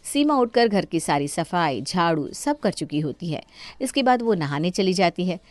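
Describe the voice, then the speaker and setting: A woman narrating a household drama story in a calm storytelling manner. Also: fairly low pitch, normal speed, dry recording.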